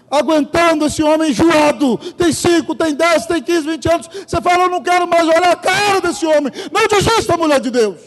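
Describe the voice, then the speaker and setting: A man preaching a sermon as pastor, telling stories emphatically and turning often to the congregation. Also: very high voice. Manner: emphatic storytelling, often addressing the congregation directly. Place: church sanctuary. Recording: long church hall reverb.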